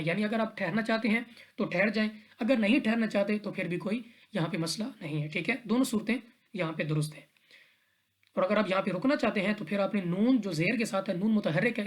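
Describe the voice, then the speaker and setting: A woman teaches Quran recitation rules in a calm, step-by-step way. She goes through each letter and often pauses to check in with her students. Her voice sits at an ordinary middle pitch. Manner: patient, step-by-step, repeats rules and checks in with "theek hai". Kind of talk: tajweed lesson explaining recitation rules.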